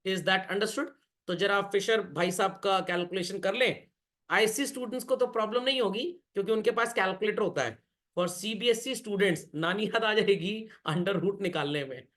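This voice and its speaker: A commerce teacher, a man whose voice sits high with a fairly bright tone, lectures his class in a jokey manner. He keeps referring to the students as children and tests them with quick questions.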